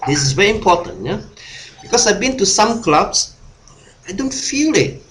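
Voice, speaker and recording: A man's voice: high voice, big pitch swings, normal speed, a bit bright. A man coaching a group over a video call, repeating his points and tagging them with "huh?". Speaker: speaker and coach. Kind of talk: online workshop talk.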